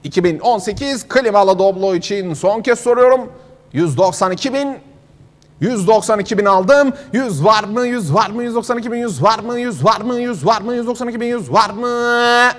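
A high-voiced man works as a car auctioneer, calling out bids in a repetitive chant at normal speed. A long hall reverb surrounds his voice.

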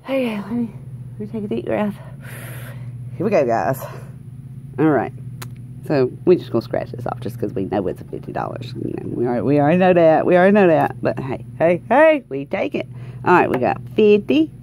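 With a low, warm voice that is very animated and fairly quick, a Southern US woman hosts a lottery scratch-off video, chatting casually and exuberantly in a folksy way and often repeating phrases for emphasis. The shot shows only her hands at an indoor tabletop. There's slight background noise.

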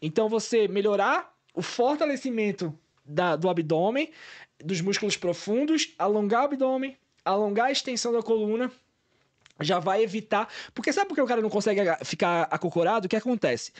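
A man's voice: sits high, expressive, brisk. A man, a guest on a podcast, explaining physiotherapy in technical, step-by-step talk.

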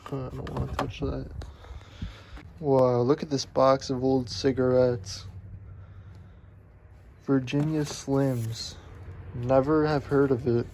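Man, explorer vlogger, flat steady delivery, faint room noise, phone mic. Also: slow, pauses often, low-quality recording. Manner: curious, low-key, muttering asides. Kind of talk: handheld exploration commentary. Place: abandoned farmhouse and yard, indoors and out. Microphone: handheld phone camera.

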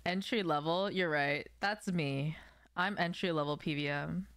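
Gaming live from a small room at home, a young adult woman chats casually and playfully with her viewers using slang. She speaks a little slowly, her voice low-pitched yet fairly bright, in studio quality with no room sound.

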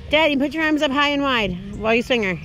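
A cheerful woman from Philadelphia filming a family vlog at an outdoor playground, excitedly coaxing her kids along. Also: high voice, fast talker. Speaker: mother filming a family outing. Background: music playing.

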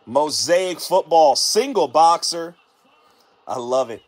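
A man's voice: fairly high pitch, expressive. A man hosting a live sports card break, hyped and chatty, calling out each card as he pulls it and hyping the viewers. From United States. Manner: hyped, repetitive catchphrases, rapid card call-outs.

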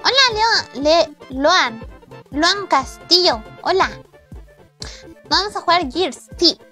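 A woman's voice: very high-pitched, lively intonation, takes it slowly, pushed and bright, faint music behind. A young woman, chatting playfully on a live gaming stream, teasing and mock-exasperated as she thanks viewers by name. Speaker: VTuber streamer.

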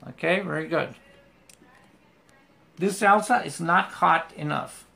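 An English teacher, giving a live online class from a home bedroom and patiently repeating English examples slowly and carefully. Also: medium pitch, creaky, sharp tone.

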